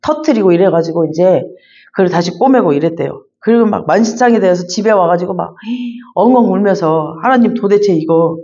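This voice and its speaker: A woman pastor preaching in a chatty, animated storytelling manner, full of repeated fillers. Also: on the low side, brisk. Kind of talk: storytelling sermon. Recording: dull lo-fi recording.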